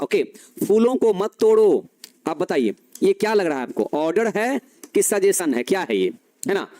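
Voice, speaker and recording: A male teacher giving a grammar lesson, explaining slowly, repeating key phrases and answering his own questions. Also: high voice, dark tone.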